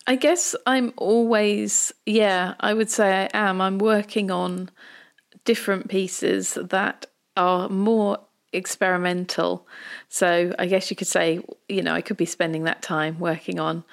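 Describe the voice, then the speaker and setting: Female co-host, casual podcast chat, gravelly with vocal fry, lower register, conversational.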